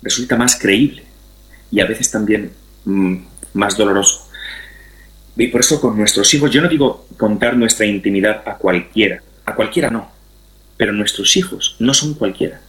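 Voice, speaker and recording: This guest speaker on family and sex education, a middle-aged Spanish man, has a lowish, slightly bright voice at normal speed. His interview talk is conversational and explanatory, with a didactic habit of repeating phrases for emphasis, recorded in an echoey, roomy space.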